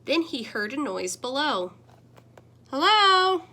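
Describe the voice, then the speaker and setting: At a slow pace, a young woman acting as a teacher reads a children's picture book aloud. Her voice stays gentle while swinging expressively between high and low, soft and loud.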